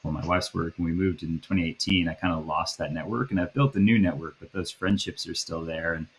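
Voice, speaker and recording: A man in his thirties from the Boston area, talking casually as a podcast guest, with a relaxed, chatty flow and many fillers. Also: low-pitched, brisk, slightly rough. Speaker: guest, app founder. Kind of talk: casual interview chat.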